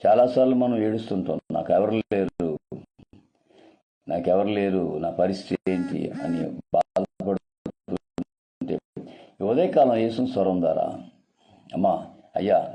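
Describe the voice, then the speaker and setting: A man preaching a devotional morning sermon as a pastor, earnest and pleading, repeating his phrases. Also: medium pitch. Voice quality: dark, mellow voice.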